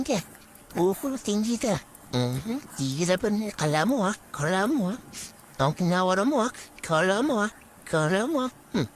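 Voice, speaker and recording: A woman's voice: mid-range voice, slight background noise, close to an everyday voice. A woman voicing a playful, clingy female pet dog who talks to her owner in a sing-song, teasing way for a vlog voice-over.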